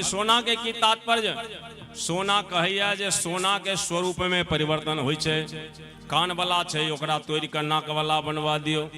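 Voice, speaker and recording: A male preacher with a Maithili accent giving a live devotional sermon, asking the crowd questions and drifting into song. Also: fairly high pitch. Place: live religious gathering. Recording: music playing behind.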